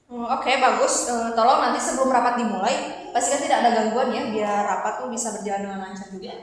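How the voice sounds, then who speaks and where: A woman playing a calm female company director in an amateur workplace role-play, informal and a little hesitant as she instructs and consults. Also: a little high, fast talker, natural voice. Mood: calm, instructing. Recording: very echoey, reverberant room.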